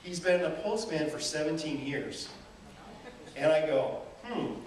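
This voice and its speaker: Animated man speaking in an echoey hall. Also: fairly high pitch, measured pace. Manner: energetic, storytelling, rhetorical questions to the audience. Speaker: motivational speaker. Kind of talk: live seminar talk. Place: event hall. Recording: echoey room from far off, faint noise.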